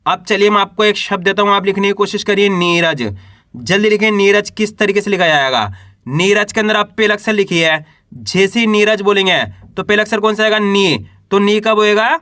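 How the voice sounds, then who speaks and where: A patient male Hindi reading teacher with a high, bright voice gives a slow spelling lesson for beginners, sounding out syllables one at a time. He poses each question and answers it himself in a slow, even classroom rhythm. The recording is close up and dry, with no room echo.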